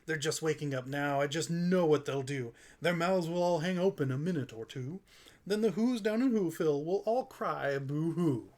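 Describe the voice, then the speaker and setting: A man's voice: a little high, normal speed, darkish tone, natural voice. A man voicing the Grinch, a sly storybook grouch with a theatrical manner, reading a children's tale aloud. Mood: gloating. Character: sly, grinning green holiday grouch, lying sweetly then musing.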